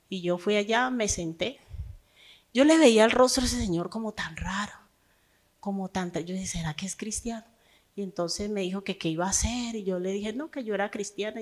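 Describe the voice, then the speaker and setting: A Spanish-speaking woman pastor preaches a sermon at a moderate pace and medium pitch, starting with a conversational personal testimony that rises into impassioned preaching.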